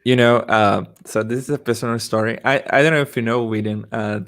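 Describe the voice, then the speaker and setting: A man's voice: medium pitch, fairly even intonation, brisk, a bit bright. A man who learned English as a second language, chatting on a panel and telling a self-deprecating story with many fillers. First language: not English. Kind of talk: casual panel chat.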